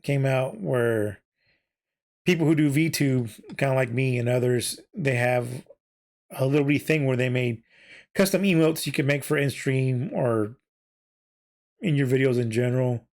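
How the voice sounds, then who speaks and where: A man's voice: medium pitch, measured pace, creaky, a little mellow. A man hosting a casual solo podcast, rambling with many fillers and self-corrections while he is losing his voice. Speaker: podcast host and VTuber.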